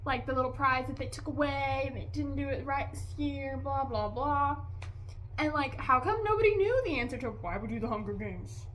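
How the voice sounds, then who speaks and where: A woman's voice: high-pitched, moderate pace, a bit bright, slight background noise. A young woman vlogger giving a casual, exasperated movie review, chatty and full of "like" and "okay?".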